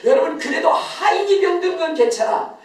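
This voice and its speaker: A man's voice: extremely high pitch, animated, normal speed. A male pastor gives a Sunday sermon with emphasis. He quizzes his congregation and often laughs as he talks. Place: church sanctuary. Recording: very echoey church, voice from far off.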